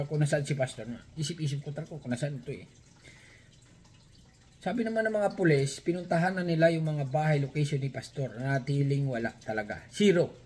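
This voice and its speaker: A man from the Philippines hosting his channel, giving casual reaction commentary on a news story in a rambling, chatty way with many hesitations and rhetorical asides. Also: high voice. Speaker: channel host.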